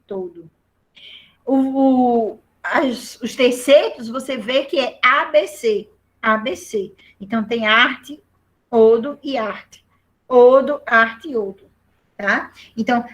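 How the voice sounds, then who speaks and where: Her voice fairly high and bright, a middle-aged woman from Brazil leads a literature class with patient explanations and regular check-ins with her students.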